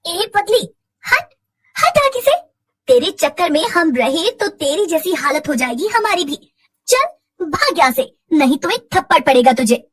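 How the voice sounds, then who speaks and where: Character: bossy teenage schoolgirl, voiced by a woman. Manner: blunt, impatient, scolding. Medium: cartoon story. Pitch: high. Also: big pitch swings, measured pace, fairly bright tone, exaggerated voice.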